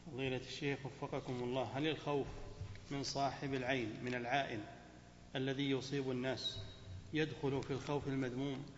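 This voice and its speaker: A man's voice: medium pitch, little pitch movement, fast talker, slight background noise. A man formally reading out questions to a sheikh, opening each with a respectful address. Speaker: question reader. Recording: dull echoey hall recording.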